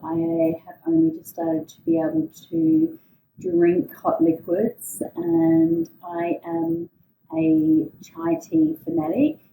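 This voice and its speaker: Slow, very creaky woman, mellow and reflective. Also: on the low side. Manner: hesitant, reflective, with pauses mid-phrase. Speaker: podcast host telling a personal story. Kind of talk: unscripted personal monologue. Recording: roomy echo, distant mic, faint noise.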